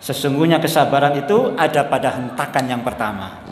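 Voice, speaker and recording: A man's voice: medium pitch, brisk, slight background noise. A man preaching a sermon, conversational and repeating his points. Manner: conversational, repeats points, mixes in Javanese words. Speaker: Islamic preacher. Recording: echoey hall, faint ambience.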